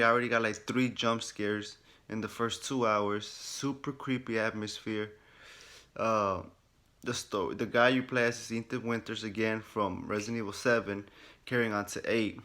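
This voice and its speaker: Animated, swearing male gaming vlogger. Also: fairly low pitch. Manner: animated storytelling, heavy swearing, acts out reactions. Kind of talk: casual game first-impressions recap. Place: at home in his room.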